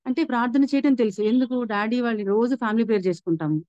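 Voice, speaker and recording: Woman sharing a faith testimony, quick and earnest, mellow tone, dull dry recording. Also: on the high side, dry recording. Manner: earnest, reflective, many restarts and fillers. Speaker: speaker giving a personal faith testimony. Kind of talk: personal testimony storytelling.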